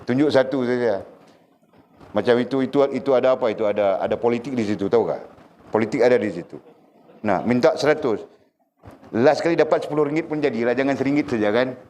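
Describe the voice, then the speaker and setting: A man giving a religious lecture, animated and often checking his listeners with quick rhetorical questions. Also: medium pitch, a little hiss or hum. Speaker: religious teacher.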